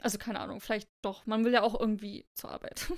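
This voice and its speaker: A woman's voice: mid-range voice, fairly even intonation, fast. A young woman co-hosting a casual podcast chat and reading short stories aloud. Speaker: podcast co-host.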